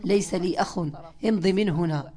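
A bitter blind young beggar in a storybook reading, as a woman narrator puts him on, curt and resentful. The voice sits fairly low for a woman, and the replies come short and sharp. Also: normal speed, natural voice.

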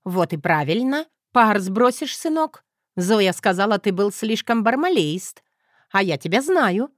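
A woman's voice: mid-range voice, sing-song, measured pace, no echo, studio quality. A woman voicing a sly, teasing mother of a grown son in an audiobook, speaking in a mocking, playful way. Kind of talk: audiobook character voice.

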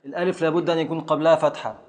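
Egyptian man quizzing a class, higher voice. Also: steady tone, racing, in a large hall. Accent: Egyptian Arabic. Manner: quizzing students step by step with repeated questions. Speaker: teacher. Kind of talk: classroom lesson.

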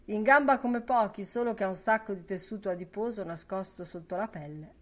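A woman's voice: mid-range voice, fairly quick, a little hiss or hum, close to an everyday voice. A woman reading the lines of a jovial middle-aged man teasing his friend in a bar. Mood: hearty.

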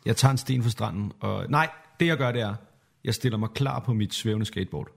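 A man's voice: fairly low pitch, creaky. A man co-hosting a podcast, playing through an improvised adventure with playful, eager reactions. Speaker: podcast host, player.

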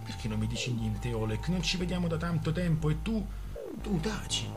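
A man's voice: a little high, animated, moderate pace, creaky, voice pushed up. A man voicing a fickle young woman who pleads and coaxes, with music behind him. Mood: pleading.

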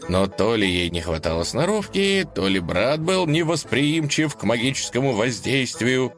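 A man reading a children's storybook aloud in an expressive, lively way, with faint music underneath. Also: medium pitch, normal speed. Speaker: narrator.

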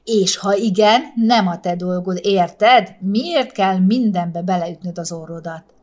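A woman voicing a calm older husband who teases his wife dryly and tries to placate her. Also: mid-range voice, natural voice. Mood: teasing. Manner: mild, dryly teasing, placating. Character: calm, teasing older husband doing a crossword.

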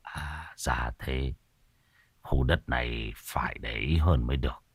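A man voicing a cunning old male exorcist who talks in a low, hushed mutter. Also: measured pace, husky, no echo, studio quality, exaggerated voice. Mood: sly.

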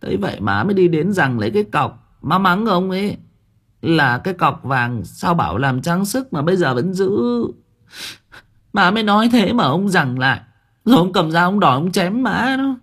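A frantic middle-aged wife cries and wails, her voice thrown high and breaking. A man puts her on in a storybook reading. The tone is husky and rough. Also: a bit bright, heavily acted. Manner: wailing and sobbing.

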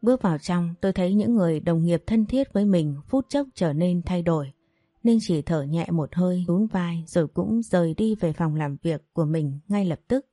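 Woman, first-person comic storyteller, lively and self-mocking, low mellow voice, dry close recording, faint background music. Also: normal speed, no room sound. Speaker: narrator.

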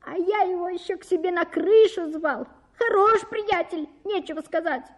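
A woman voicing a small hot-tempered male sparrow who shouts, breathless with rage. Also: very high voice, normal speed, voice pushed up. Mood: aggrieved.

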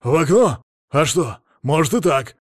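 A drunk, middle-aged millionaire in a frantic state, as a male reader puts him on, shouting and blustering in a raised, high-pitched voice. He talks loud and fast in agitation, on a dry, close recording. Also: expressive, husky, no room sound.

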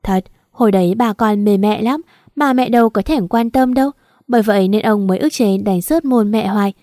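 A woman's voice: mid-range voice, fairly quick, warm tone, no room sound, clean studio sound, lightly acted. A woman voicing a talkative, fussing middle-aged mother-in-law in a read-aloud story. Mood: chatty. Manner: chatty, fussing, laughing easily.

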